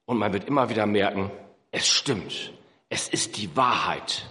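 A man preaching a sermon, swinging between emphatic high peaks and low, slow earnest passages. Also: animated, bright, forceful tone. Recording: echoey hall.

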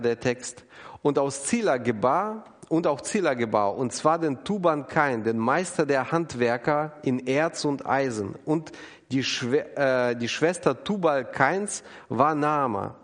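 A man preaching an earnest, emphatic sermon, acting out the people he quotes. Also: medium pitch. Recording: long hall reverb.

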